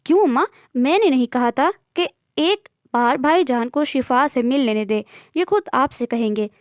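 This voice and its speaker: A woman's voice: sits high, moderate pace, dry recording, studio quality, natural voice. Teasing young woman Saira, read by a woman. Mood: cheerful.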